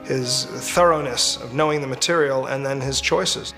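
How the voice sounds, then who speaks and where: A man interviewed as a film director, speaking in an even, matter-of-fact way. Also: mid-range voice, normal speed, vocal fry, music in the background. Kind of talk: documentary interview.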